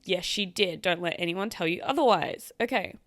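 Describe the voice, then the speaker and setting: A woman hosting a casual reaction chat, animated and outspoken, who swears freely and talks straight to her viewers. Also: lowish voice, normal speed, no echo. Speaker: host reacting to online stories.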